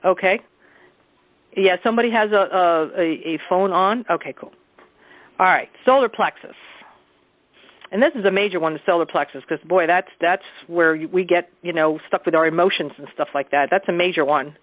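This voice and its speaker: A woman speaks at a moderate pace in a lowish voice with no echo, leading a group through a guided sound exercise on a teleconference. Her manner is relaxed and she often checks in on the participants. The audio is a muffled, narrow phone line via telephone.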